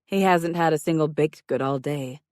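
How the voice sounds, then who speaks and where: A woman voicing a calm young man in an audiobook, giving plain, even-toned explanations. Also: sits low, normal speed, no echo, studio quality, natural voice. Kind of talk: audiobook character voice.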